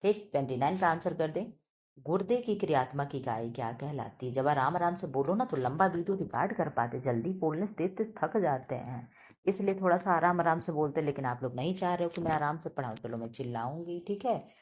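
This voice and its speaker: She is a woman teacher with a low, heavy voice. She talks loudly and emphatically, like someone used to projecting across a classroom. She keeps repeating her quiz questions back to the students, half scolding and half friendly. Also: expressive, a little fast. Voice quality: deep, heavy voice. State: sore throat. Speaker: exam-prep teacher. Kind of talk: online quiz lesson.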